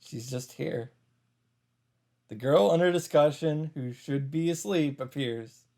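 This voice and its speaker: A commentator reads a visual novel aloud and reacts to the story as game music plays beneath. The voice is medium-pitched, gravelly, and dark, delivered at a slow pace.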